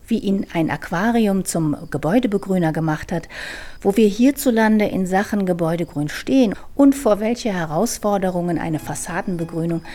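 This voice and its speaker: A woman reporter giving scripted radio feature narration in a measured, descriptive way. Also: mid-range voice, warm tone.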